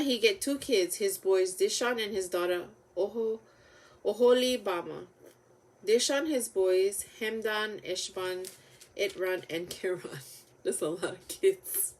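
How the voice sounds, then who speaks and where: A woman reads aloud in Hawaiian Pidgin, as if at story time. Her pitch sits in the middle range for a woman and her pace is slow. She is halting over names and sometimes corrects herself. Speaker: reader of Bible stories.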